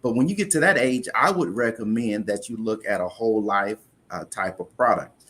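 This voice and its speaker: A man appears as a guest in an interview about insurance and investment, earnestly explaining money matters in a conversational style. He often restarts his sentences, repeating words as he does, and his fairly low voice is a bit bright at a normal speed.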